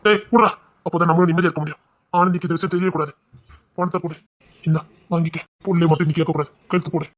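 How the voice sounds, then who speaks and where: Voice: mid-range voice, steady tone, rapid-fire, lightly acted. A voice actor playing a blunt, commanding older village brother in a cartoon, with a Tirunelveli Tamil accent. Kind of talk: cartoon voice acting.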